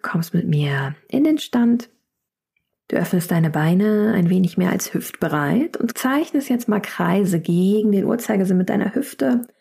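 A woman leading a guided chair yoga class, calmly cueing breaths and counting down each hold in a soft, often near-whispered voice. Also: mid-range voice, creaky, husky. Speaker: yoga instructor.

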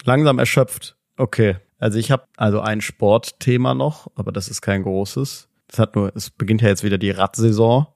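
Ein Mann, der als Co-Host in einem lockeren Podcast-Gespräch scherzt, oft lacht und Schlagzeilen vorliest. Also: male voice, on the low side, steady tone, normal speed, vocal fry, hardly any pauses, a little mellow, no echo, clean studio sound. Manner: jokey, laughs often, reads headlines aloud. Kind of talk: casual podcast chat.

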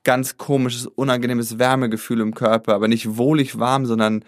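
A man shares a story in relaxed, casual conversation. He talks in an animated way at an ordinary middle pitch. The sound is dry and close, with no room echo. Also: normal speed. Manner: animated, acts out quoted dialogue. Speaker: podcast co-host.

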